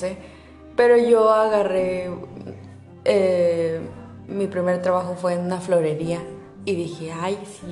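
Young Mexican woman, vlogger, warm mellow voice, swears freely and talks straight to camera, in a roomy room. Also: medium pitch. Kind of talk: casual monologue to the viewer. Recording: roomy echo.

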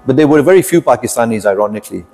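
A man in his fifties, a podcast guest telling his story in a measured, reflective way with frequent pauses. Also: medium pitch, expressive, a little mellow. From United Kingdom. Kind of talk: podcast interview.

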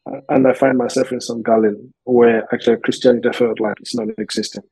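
A man from Malawi, a podcast guest telling his story in an earnest, measured way, often restarting his sentences. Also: medium pitch, flat delivery, darkish tone, breathy edge, no room sound, rough recording. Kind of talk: interview conversation.

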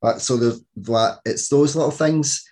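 A man's voice: medium pitch, unhurried, a little mellow. A Scottish man hosting a podcast, chatting in a jokey way with frequent laughs and fillers. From Scotland. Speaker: podcast host. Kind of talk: casual podcast chat.

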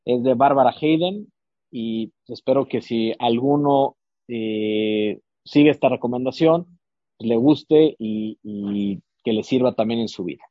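A man's voice: medium pitch, measured pace, no room sound, dull audio. A man hosting a podcast, chatting casually about books with frequent fillers and restarts. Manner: hesitant, many fillers and restarts. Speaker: podcast host. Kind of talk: casual book-recommendation chat.

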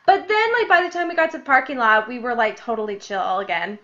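Host: young woman, slightly high voice, giggly diary-reading chat, dull lo-fi sound. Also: quick pace. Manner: giggly, animated, laughs often between readings. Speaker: podcast host. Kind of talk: casual chat reading her childhood diary. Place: lives in New Jersey, grew up in Illinois. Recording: dull lo-fi podcast audio.

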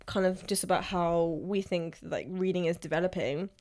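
A woman's voice: fairly low pitch, fairly even intonation, normal speed, a little mellow. A young woman, co-hosting a casual podcast chat, talking in a loose, chatty way full of fillers and ready laughs. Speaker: podcast co-host.

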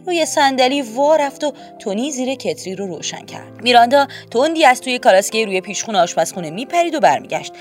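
Woman reading a kids audiobook, gentle and steady, little music in the back. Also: fairly high pitch, few pauses. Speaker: audiobook narrator. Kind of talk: storybook narration.

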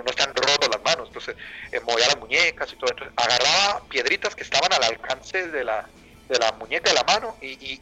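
A man's voice: medium pitch, sharp tone, low-quality recording. A middle-aged Mexican man casually telling a dramatic story, vivid and peppered with swearing and restarts.

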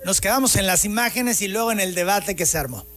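A man hosting an interview and asking his guest polite, measured questions. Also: sits high, animated, fairly bright tone, faint music behind. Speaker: interviewer, host.

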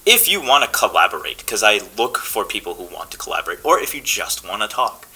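Chatty young man with bright tone. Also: lowish voice, a little fast, breathy edge, rough recording. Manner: relaxed, chatty, many fillers and restarts. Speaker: podcast guest, actor. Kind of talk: casual podcast conversation.

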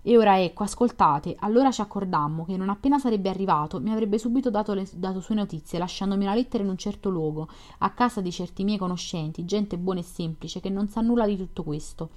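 A woman's voice: mid-range voice, fast talker, hardly any pauses, close to an everyday voice. A woman voicing a shy, emotional young woman in a classic story, impatient and hopeful as she pleads for help. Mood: pleading.

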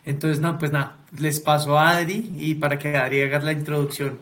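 Male podcast host, Colombian accent, higher-pitched than most men, informal conversational delivery. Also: little pitch movement, brisk. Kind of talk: casual chat.

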